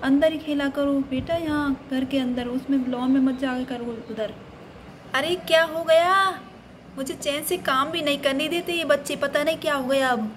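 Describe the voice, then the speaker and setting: Motherly doll mom, woman voicing, gently lecturing, noisy recording. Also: sits high, normal speed, close to an everyday voice. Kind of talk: doll play storytelling.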